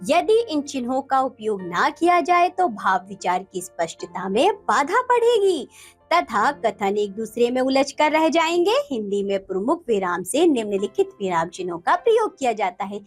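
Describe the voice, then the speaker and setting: Lively high-voiced woman teaching children. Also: normal speed, slightly rough, faint music behind. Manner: addresses children warmly, reads examples aloud with emphasis. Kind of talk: textbook lesson for children.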